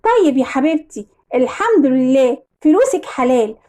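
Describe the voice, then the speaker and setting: A woman voicing a calm, caring husband in a storybook tale, gentle and reassuring with an Egyptian Arabic accent. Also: high voice, moderate pace. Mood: soothing.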